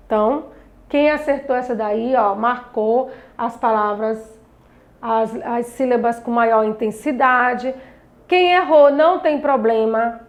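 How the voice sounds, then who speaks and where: A woman teacher with a Brazilian Portuguese accent, patiently coaching young pupils through a grammar lesson, stretching out words syllable by syllable. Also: sits high. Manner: patient, drawn-out syllables, coaxing questions to pupils. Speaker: primary school teacher. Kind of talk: recorded grammar lesson for children.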